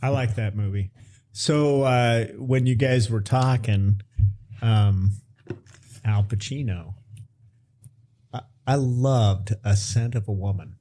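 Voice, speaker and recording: A man's voice: lowish voice, slow, long pauses, warm tone. A middle-aged man co-hosting a podcast, chatting casually and mostly agreeing. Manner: agreeable, brief replies. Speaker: podcast co-host. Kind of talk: casual chat.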